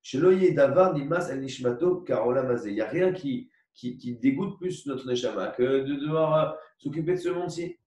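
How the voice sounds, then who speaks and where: A man teaching a religious lesson, explaining slowly with many repetitions and asides and asking for agreement. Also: medium pitch, lively intonation, a little mellow. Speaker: Torah teacher. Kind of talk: religious lecture with a parable. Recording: echoey room recorded from far off.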